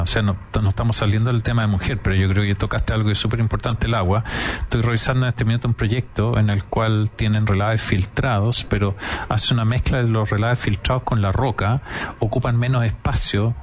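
A man's voice: lowish voice, brisk. Man, Chilean accent, emphatic, rambling, faint hiss behind. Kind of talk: conversational interview.

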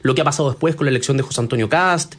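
A man's voice: mid-range voice, very fast, a bit bright. A man interviewing a guest, setting up his questions with background before asking them.

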